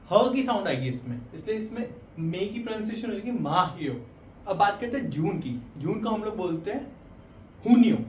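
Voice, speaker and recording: High-voiced man teaching in an echoey room. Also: a little mellow, slight background noise. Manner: patient, repeats words slowly, often says "thik hai". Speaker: language teacher. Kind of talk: explaining pronunciation to learners. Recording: echoey room, mic some distance away.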